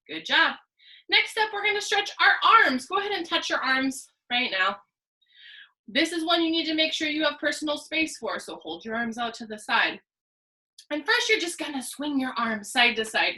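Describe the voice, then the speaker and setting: Female kids show host type, PE teacher for little ones; very animated, high-pitched, call-and-response. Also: low-quality recording. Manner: kids show host delivery, sing-song counting and simple encouraging instructions; addresses the viewer directly with call-and-response. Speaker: elementary PE teacher. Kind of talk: guided stretching lesson for young children.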